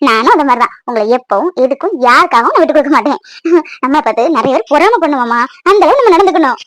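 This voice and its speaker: A woman's voice: high-pitched, lively intonation, fast, no echo. Woman voicing a pleading young mother. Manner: pleading, soft and emotional. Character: young married mother, tender and worried.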